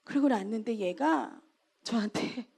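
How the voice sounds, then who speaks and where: High-voiced woman preaching animatedly. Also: unhurried, vocal fry, breathy edge. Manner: animated, acts out scolding in loud bursts. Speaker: evangelist preaching. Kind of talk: storytelling sermon.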